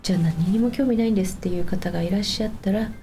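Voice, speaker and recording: A woman of medium pitch hosts a conversation with music behind her. She talks politely and conversationally, as an interviewer does with a guest. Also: racing, dark tone. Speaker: host.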